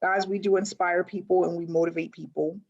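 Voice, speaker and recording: A woman's voice: lowish voice, little pitch movement, a little fast, a little mellow, lo-fi sound. A woman hosting a webinar over a video call, encouraging and thanking participants and laughing often. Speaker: webinar host. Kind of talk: casual video call chat.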